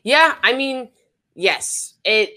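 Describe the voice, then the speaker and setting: A woman's voice: on the high side, animated, takes it slowly, sharp tone. A woman hosting a casual podcast conversation, who asks her guest questions and talks reflectively about her own past.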